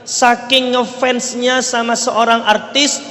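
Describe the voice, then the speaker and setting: Preacher guy w riau malay-ish accent, really high voice, keeps asking the crowd "right?", long hall echo. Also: flat delivery, slow, bright, forceful tone. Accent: Riau Malay-tinged Indonesian. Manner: rhetorical, checks in with the audience often. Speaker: Islamic preacher. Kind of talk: sermon to a congregation. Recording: long reverb of a large hall.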